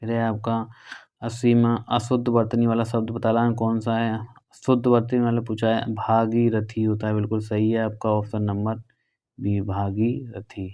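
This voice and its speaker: A male teacher from northern India going through exam questions in a brisk, conversational way, drawing out the key words. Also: fairly low pitch, monotone, clean tone, lo-fi sound. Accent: Hindi, northern India.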